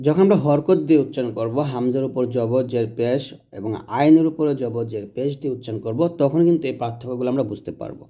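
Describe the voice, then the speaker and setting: Patient male Quran teacher, mellow voice. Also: medium pitch. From Bangladesh. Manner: slow drawn-out demonstration of letter sounds, patient and repetitive. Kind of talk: recitation lesson.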